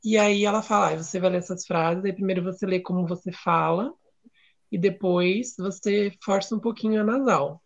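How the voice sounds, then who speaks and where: A woman with a São Paulo accent in casual chat, teasing and quick to laugh. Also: medium pitch, creaky, dull audio.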